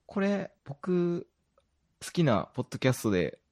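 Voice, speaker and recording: Animated man with a Kansai Osaka accent. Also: a little high, normal speed. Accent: Kansai (Osaka-area) Japanese. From Kansai, Japan. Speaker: podcast host. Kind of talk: casual chat.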